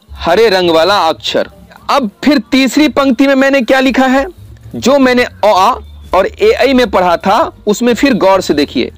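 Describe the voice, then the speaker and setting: A man with a high voice teaches a grammar lesson at an unhurried pace. He explains each point deliberately and stretches out the vowel sounds for his pupils, with faint music playing underneath. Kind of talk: classroom-style video lesson.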